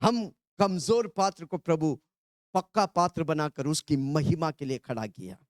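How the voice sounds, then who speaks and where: A man from India preaching a call-and-response sermon, telling the congregation to repeat phrases and shouting hallelujahs. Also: a little high, measured pace, no room sound, studio quality.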